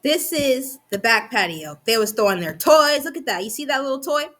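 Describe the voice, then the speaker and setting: A young woman venting heatedly to the camera, swearing often and rushing through run-on sentences with frequent restarts. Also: high voice, expressive, fairly bright tone. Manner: heated and profane, rapid run-on talk with restarts. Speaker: vlogger. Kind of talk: angry venting monologue.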